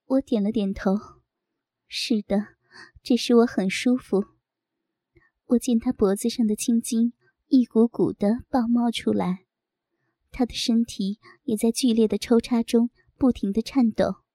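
A woman narrating a first-person audio story with a fairly high voice. Her tone is mellow and soft, and her telling is intimate and unhurried. The recording is dry and close. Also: steady tone, no echo.

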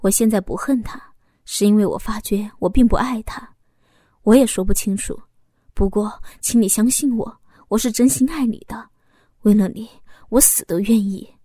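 A woman's voice: medium pitch, normal speed, dry recording, studio quality, lightly acted. Woman voicing a sly teasing young man. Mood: intimate. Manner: playful, sly, softly intimate.

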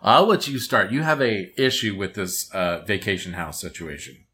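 A man co-hosting a podcast, chatting casually about a cartoon episode in a halting way, full of fillers and restarts. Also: lowish voice, pushed and bright. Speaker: podcast co-host.

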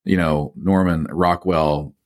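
A man's voice: low-pitched, steady tone, slow pace. A man hosting a podcast, asking thoughtful, rambling questions in a casual interview. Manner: thoughtful, rambling, restarts phrases. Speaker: podcast host.

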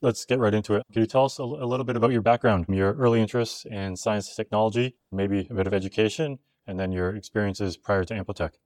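A man hosting a podcast, reading a scripted intro and asking interview questions in a measured, upbeat way. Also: on the low side, steady tone, a little mellow, dry recording. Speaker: podcast host.

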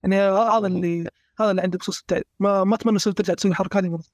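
A man's voice: high-pitched, steady tone, very fast, no echo. A man in a casual gaming discussion, blunt and emphatic as he complains.

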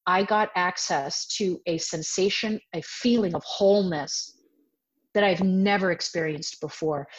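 With a fairly low pitch and an unhurried delivery, a woman in her forties tells an interviewer a personal story. She teaches self-defense, narrates animatedly, and voices her own quoted lines, though the audio is dull and lo-fi.

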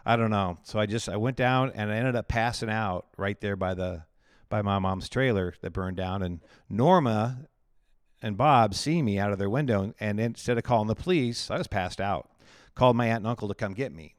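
A pastor with a lowish male voice tells his own story in a relaxed interview. He is candid and chatty, often laughing at himself. The sound is close and dry, with no room echo. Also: moderate pace, smooth. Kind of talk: telling his life story in a podcast interview.

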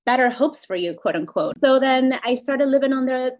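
A woman's voice: sits high, expressive, moderate pace. A woman in her thirties from Ecuador, a life coach telling her story as a podcast guest. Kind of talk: casual interview chat.

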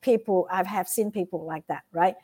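Her pitch sits fairly low, her pace is moderate, and her tone is a little mellow. A Vietnamese-accented woman appears as an interview guest, sharing sincere motivational advice and regularly asking "right?".

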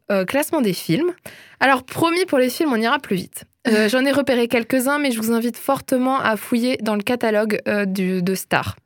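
A woman's voice: a little high, no echo, studio quality. A young woman recommending films and series in a chatty, enthusiastic way, laughing often. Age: young adult. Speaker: host. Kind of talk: casual film and series recommendations.

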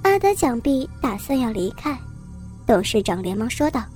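A woman narrating a story in a steady, even storytelling voice. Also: fairly high pitch, normal speed, faint music behind. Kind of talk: scripted narration.

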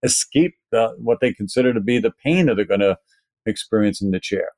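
A pharmacist educator with a Brooklyn accent, appearing as an interview guest, explains things conversationally and emphatically, throwing out rhetorical questions. His voice is fairly low, expressive and a little fast, with a darkish tone and no room sound.

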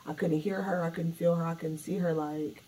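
A woman yoga instructor talking in a loose, expressive way in a casual podcast chat, with some swearing. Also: sits low, brisk. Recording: voice slightly distant from the mic.

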